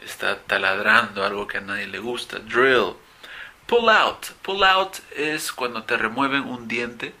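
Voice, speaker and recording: A man teaching an English vocabulary lesson, stressing key words with sudden rises in pitch. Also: very animated, unhurried, bright, forceful tone.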